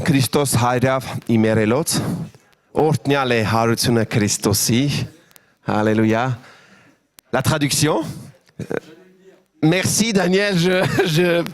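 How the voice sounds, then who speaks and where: A man's voice: on the high side, fairly bright tone, no echo. A man preaching a sermon as pastor, joyful and engaging his congregation with questions. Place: church.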